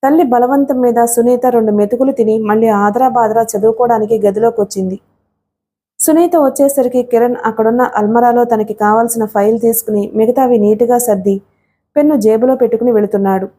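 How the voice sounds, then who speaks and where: A woman with a Telugu accent reads a family novel for an audiobook. Her voice sits a little high and sounds warm and mellow. She acts out the characters' lines, dropping lower and softer for the men. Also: fairly quick. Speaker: audiobook narrator. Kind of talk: dramatic storybook reading with character dialogue.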